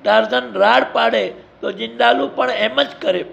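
A man's voice: very high-pitched, moderate pace, creaky, a bit bright. A man narrating an adventure story in a vivid, emphatic storytelling manner. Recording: dull lo-fi recording.

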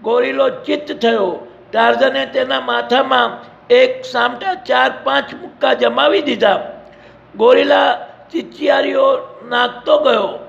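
A man's voice: extremely high pitch, a little slow, gravelly, a bit bright. A man narrating a storybook adventure dramatically, in an echoey, dull lo-fi recording.

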